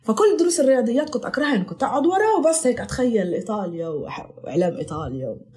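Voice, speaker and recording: Speaking very fast in a sing-song, slightly high voice with a dark tone, a Palestinian woman from the Galilee chats on a podcast as a guest. Her accented Arabic is sprinkled with English and Italian words.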